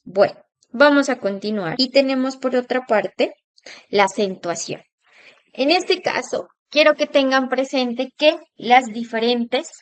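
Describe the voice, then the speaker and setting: A woman teacher giving a recorded lesson, drawing out example words slowly to show where the stress falls. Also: on the high side. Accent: Latin American Spanish.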